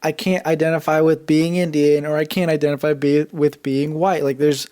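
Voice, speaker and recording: A mid-pitched podcast co-host who talks casually, using slang. They chime in agreeably and riff on the topic in a relaxed way. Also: normal speed.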